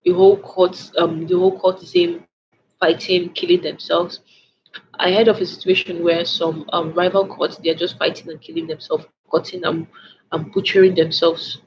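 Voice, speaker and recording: A woman's voice: on the low side, normal speed. A young woman chatting casually on a livestream, telling a story animatedly with lots of restarts and fillers while reading viewer comments. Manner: animated retelling with many restarts and filler words. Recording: slightly dull lo-fi audio with faint noise.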